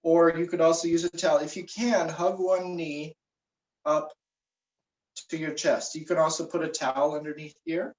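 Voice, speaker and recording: A man leading a guided meditation and warm-up stretches, giving slow, relaxed instructions with frequent fillers. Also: on the high side. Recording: roomy, distant, dull recording.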